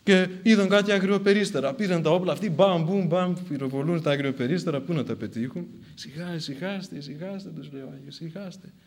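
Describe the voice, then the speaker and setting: A man preaching a sermon, telling a saint's story with swings between loud outbursts and hushed asides. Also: on the high side, gravelly, few pauses.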